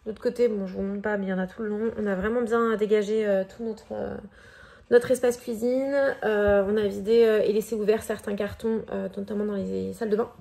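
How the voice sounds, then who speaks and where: A woman from France speaks with a French accent in a relaxed, chatty vlog. Her voice carries a gravelly fry at a middle pitch. She often pauses on fillers as she talks. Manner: chatty, hesitant with frequent fillers. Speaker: vlogger. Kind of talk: casual vlog chat.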